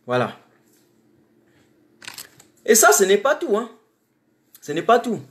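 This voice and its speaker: A man's voice: high voice, wildly swooping pitch, slow. A man from Cameroon, giving an emphatic, repetitive live-streamed political monologue full of rhetorical questions.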